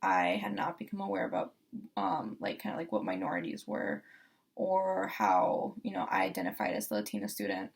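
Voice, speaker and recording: A woman's voice: mid-range voice, big pitch swings, moderate pace, vocal fry, slightly rough. A young woman from Costa Rica, a law student, talking casually about her experience with lots of fillers and restarts. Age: young adult. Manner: chatty, frequent fillers and restarts. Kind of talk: casual first-person testimonial.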